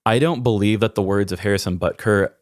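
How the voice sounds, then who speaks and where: Talking fast in a lowish voice, a podcast host opens up candidly and earnestly about his personal life, poking fun at himself, then reads a personal essay. The audio is clean studio sound without echo.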